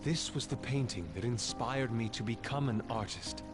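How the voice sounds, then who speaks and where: A man's voice: medium pitch, normal speed, close to an everyday voice. A man playing a proud young art student in a video game, speaking formally and theatrically like an anime rival. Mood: earnest, formal. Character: proud young male art student, fiercely loyal to his teacher. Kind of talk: English video game voice acting. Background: game music.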